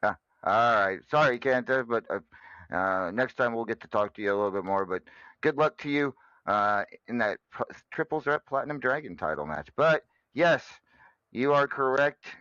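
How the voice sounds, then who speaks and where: Show host, easygoing man, sharp bright voice, dry dull mic. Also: medium pitch, animated, normal speed, clear, resonant tone, no room sound. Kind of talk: hosting a wrestling talk show.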